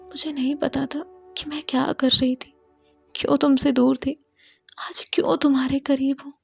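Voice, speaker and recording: A woman voicing a tender young woman who soothes her lover in a soft, hushed, half-whispered voice. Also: sits high, steady tone, a little slow, creaky, pitched above the performer's own voice. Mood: soft soothing.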